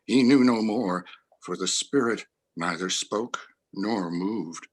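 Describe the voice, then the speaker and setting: A man reading a classic story aloud as narrator, in a grave, measured, deliberate manner. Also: fairly low pitch. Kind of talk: scripted dramatic story narration.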